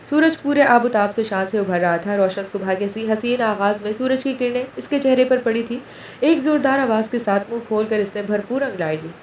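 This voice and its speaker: A woman's voice: on the high side, a little hiss or hum. Woman reading a romance novel, roomy. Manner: steady storytelling narration. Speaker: story reader. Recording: echoey room, distant mic, faint ambience.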